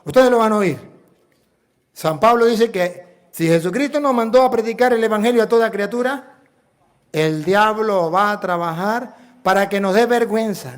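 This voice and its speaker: A Venezuelan priest preaching a sermon in an emphatic, repetitive way, full of rhetorical questions. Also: male voice, high-pitched. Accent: Venezuelan Spanish.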